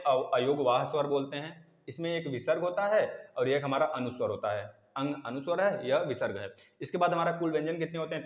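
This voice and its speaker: A man's voice: a little high, muffled recording. A man teaching grammar in an online exam-prep lesson, repeating sounds aloud and asking and answering his own questions. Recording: echoey room with long reverb.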